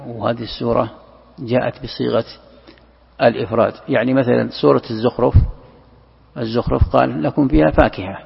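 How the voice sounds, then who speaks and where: Gravelly man lecturing in a reverberant hall. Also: mid-range voice. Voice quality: gravelly, husky voice. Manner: explains step by step, posing and answering his own questions. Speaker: religious teacher. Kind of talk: classroom lecture commentary. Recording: dull lo-fi lecture recording with long hall reverb.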